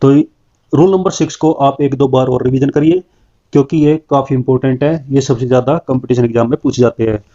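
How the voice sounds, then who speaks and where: A man teaches a grammar lesson in a mellow, relaxed voice. He reads word lists slowly and then explains each rule, and the recording sounds dull and lo-fi. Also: mid-range voice.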